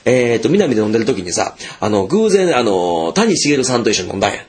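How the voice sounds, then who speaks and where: A man with an Osaka accent hosting a casual chat, rambling through stories in animated Kansai banter. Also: lowish voice, fairly quick, crowd noise. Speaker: podcast host. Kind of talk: casual radio-style chat.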